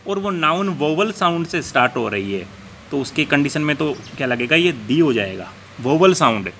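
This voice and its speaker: A man's voice: fairly high pitch, sharp tone, a little hiss or hum. A man teaching an English grammar lesson, asking the class questions and answering them himself while he repeats the key points.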